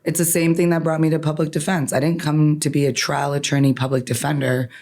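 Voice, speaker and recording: Low and a little mellow, the woman's voice comes across brisk with a flat delivery. She is a Farsi-first attorney who grew up in Canada, speaking as a podcast guest in personal reflection, earnest and emphatic, regularly wrapping up points with "right?"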